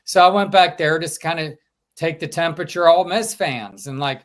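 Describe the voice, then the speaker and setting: A man co-hosting a sports podcast, recounting his trip and quoting fans as he goes. His voice sits a little high for a man. He talks in a loose, casual way. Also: a little fast. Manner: storytelling, quotes fans in lively asides. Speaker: podcast co-host, sports reporter.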